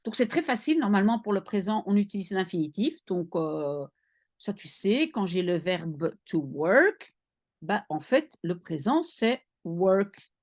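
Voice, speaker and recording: A woman language teacher patiently explaining grammar to a student, with careful repetition. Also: mid-range voice. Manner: slow, patient, lively intonation. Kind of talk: explaining English grammar in French.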